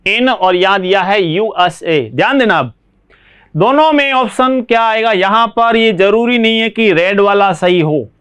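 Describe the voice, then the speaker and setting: Higher-pitched Indian man teaching English. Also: a bit bright, clean tone. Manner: explains slowly, checks understanding with frequent rhetorical questions. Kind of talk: classroom lesson.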